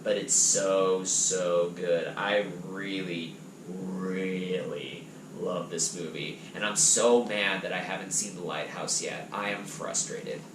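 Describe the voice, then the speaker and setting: A man chatting casually and enthusiastically as he reviews movies from his collection on a vlog, his loudness swinging up and down. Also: low-pitched, fairly even intonation, takes it slowly. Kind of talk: casual chat. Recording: echoey room with background noise.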